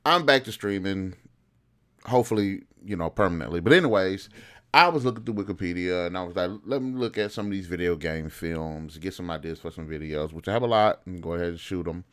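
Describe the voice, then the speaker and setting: This low, expressive voice moves briskly and has a slight brightness. It belongs to a man of about thirty who hosts videos reviewing video game films, offering casual, unscripted commentary that rambles, chats, and shares strong opinions.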